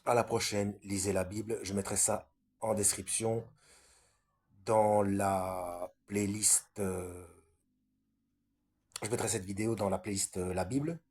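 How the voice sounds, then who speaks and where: A man's voice: fairly low pitch, fairly even intonation, unhurried, long pauses, darkish tone, husky. A man giving a casual solo talk on scripture for a video, hesitant and full of fillers and self-corrections. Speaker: Bible study video maker.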